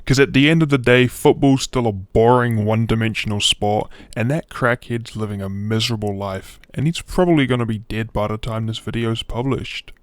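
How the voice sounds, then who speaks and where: A male YouTuber delivers a crude comedic rant in a sarcastic, mock-earnest tone. His voice sits at a mid pitch and is recorded close, in a dry space with no room sound. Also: moderate pace, few pauses, dry recording.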